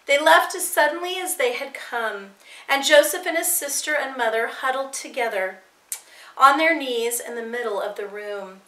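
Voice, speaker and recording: A woman teacher reading a novel aloud to her students with expressive, dramatic storytelling. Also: sits high, normal speed. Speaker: English teacher. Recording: echoey room.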